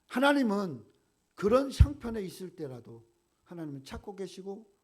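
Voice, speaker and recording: A male pastor preaching a sermon, swinging from loud outbursts to hushed lines and acting out people's complaints in a raised voice. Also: sits high, very animated, moderate pace, slightly rough. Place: church sanctuary.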